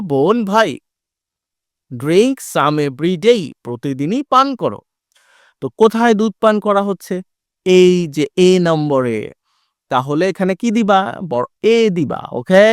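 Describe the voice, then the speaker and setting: A male teacher with a Bangladeshi accent giving an online English class. He reads rhyme lines slowly and explains each one in turn. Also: high voice, no room sound, clean studio sound. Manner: explains each rhyme line in slow English, then translates.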